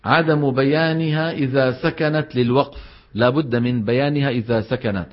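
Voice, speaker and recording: A man teaches Quran recitation at a middle pitch, quizzing his students. He acts out wrong and correct pronunciations one after another. The recording is dull and lo-fi, like an old lecture tape. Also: steady tone, moderate pace. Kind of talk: classroom lesson on tajweed.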